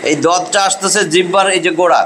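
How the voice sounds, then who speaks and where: A middle-aged man, teaching Quran pronunciation in a classroom lesson and drilling each sound by slow repetition. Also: high voice, fairly even intonation, bright, forceful tone, slight background noise, rough recording.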